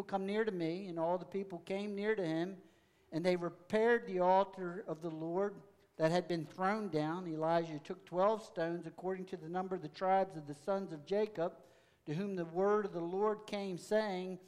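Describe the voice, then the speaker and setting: Male preacher, high voice, scripture reading into a pulpit mic. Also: steady tone, normal speed. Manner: reads with rising, forceful emphasis. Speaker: pastor. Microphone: mic checked aloud.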